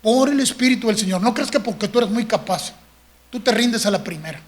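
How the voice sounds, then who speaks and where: A pastor delivers his sermon in a notably high-pitched voice. He talks to the congregation like neighbors, weaving in homely stories and checking in with quick rhetorical questions. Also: expressive. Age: 60s. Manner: conversational preaching with folksy anecdotes and tag questions.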